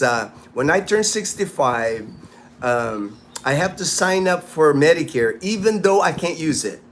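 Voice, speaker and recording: Chatting with viewers from a sunny outdoor spot, a livestream host in his late fifties reads comments in an easygoing, rambling manner full of restarts. His voice sits in the mid-range and is a bit bright, with slight background noise.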